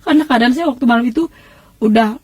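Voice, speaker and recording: A woman with a high, bright voice tells her personal testimony with emotion. She acts out the voices of the people in her story. The sound is dry and close. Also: fast talker, breathy edge, dry recording. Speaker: church testimony speaker.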